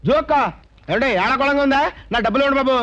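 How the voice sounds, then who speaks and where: A man's voice: very high voice, quick pace, a bit bright, dull audio. An actor playing a panicky man who wails and complains frantically after losing money. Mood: indignant. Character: whining, panicky male hanger-on cheated of money.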